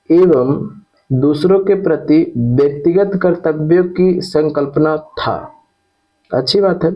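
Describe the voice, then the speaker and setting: A man's voice: fairly high pitch, muffled recording. A man teaching an exam-prep lesson who repeats key terms and checks in with his students after each point.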